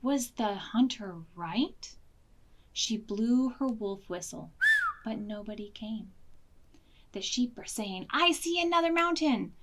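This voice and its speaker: A children's library storytime reader, a woman, reads a picture book aloud to preschoolers with dramatic emphasis and asks the young listeners questions. Her mid-range voice has a darkish tone, and she speaks slowly with frequent pauses. A little hiss or hum sits under the recording.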